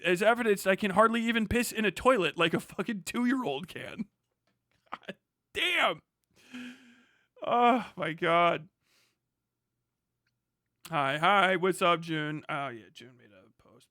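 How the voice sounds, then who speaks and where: Bright and pushed, a high-sitting male voice delivers casual commentary on a livestream. He's a host and podcaster whose style is blunt, mocking and profane, and the clean studio recording has no echo.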